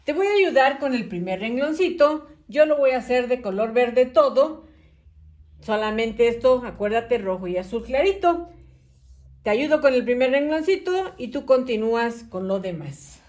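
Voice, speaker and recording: A woman teaching young children to read and write, dictating slowly and praising them patiently in a sing-song manner. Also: a little high, lively intonation, a little mellow. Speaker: primary school teacher. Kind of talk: slow children's dictation lesson. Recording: roomy, slightly distant mic.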